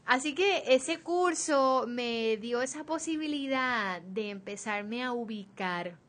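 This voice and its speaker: A woman with a Puerto Rican Caribbean Spanish accent talks as an interview guest. Her voice is a little high. She is conversational and reflective, often hesitating as she thinks. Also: animated, slow pace, fairly bright tone. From Puerto Rico. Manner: hesitant, anecdotal.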